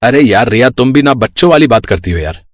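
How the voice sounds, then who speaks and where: A man's voice: mid-range voice, animated, fast talker, no echo, clean studio sound, natural voice. A man voicing an easygoing young husband in a cartoon story, talking casually and coaxingly.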